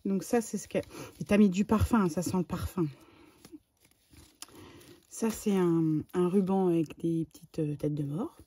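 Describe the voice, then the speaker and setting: Excitable French woman unboxing, mellow voice. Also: on the low side, measured pace, pauses often, husky. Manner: chatty and excitable, lots of fillers and repeated words. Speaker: vlogger. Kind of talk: casual unboxing chat. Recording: faint background noise.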